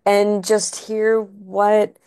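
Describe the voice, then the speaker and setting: A woman's voice: medium pitch, flat delivery, very slow, dark tone, smooth. A woman researcher on a panel, agreeable and a bit hesitant, restarting phrases. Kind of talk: panel discussion.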